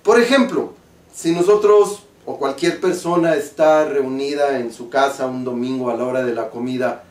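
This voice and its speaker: A man with a Mexican accent, an acting teacher explaining stage diction slowly and deliberately. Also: medium pitch. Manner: slow, deliberate, carefully articulated explanation. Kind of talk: spoken lesson on stage diction. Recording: roomy, from a distance.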